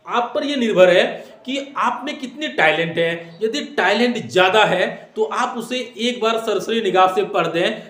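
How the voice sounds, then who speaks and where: A man teaching exam tips in a classroom style, repeating points and asking rhetorical questions while mixing in English phrases. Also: high voice. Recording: echoey room.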